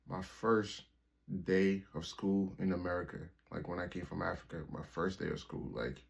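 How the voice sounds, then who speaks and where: On a dull lo-fi recording, a Liberian man in his twenties with a low, creaky voice tells a personal story for his vlog channel. He rambles loosely, curses, restarts sentences and says "like" constantly.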